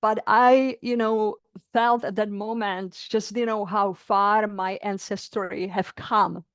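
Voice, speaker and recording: A woman's voice: medium pitch, steady tone, slow pace, clear, resonant tone, dry recording, studio quality. A middle-aged woman from the Republic, earnestly sharing a personal experience in heartfelt, searching words. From Czech Republic. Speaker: coaching client. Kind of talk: reflective personal testimony.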